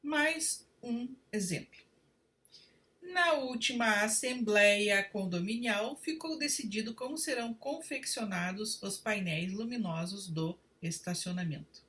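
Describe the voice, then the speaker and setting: Woman reading out a grammar lesson, very slow and careful, mic a bit far off. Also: medium pitch, fairly bright tone. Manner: slow, deliberate, spells out rules word by word. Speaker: Portuguese writing teacher. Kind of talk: read-aloud grammar lesson.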